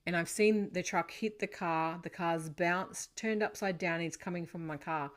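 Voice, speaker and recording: A woman hosting a spiritual podcast, telling stories in an animated, dramatic way. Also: fairly low pitch, normal speed. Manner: animated storytelling, dramatic retelling. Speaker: podcast host. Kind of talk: casual interview chat.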